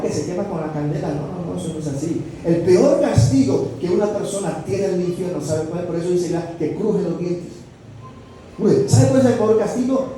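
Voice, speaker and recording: A man's voice: high-pitched, recorded from a distance. A man preaching a sermon as a pastor, asking his listeners questions and raising his voice for emphasis. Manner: preaching with rhetorical questions and sudden loud peaks. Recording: echoey room, off-mic, faint background noise.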